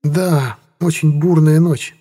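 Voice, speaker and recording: A man voicing a cool, sharp-tongued businesswoman who speaks coldly and sarcastically. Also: fairly high pitch, steady tone, slow pace, breathy edge, soft background music, voice pushed up. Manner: cold, sarcastic.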